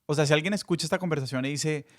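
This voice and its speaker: Man, podcast co-host, friendly wordy questions, somewhat high voice. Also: rapid-fire. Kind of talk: casual conversation.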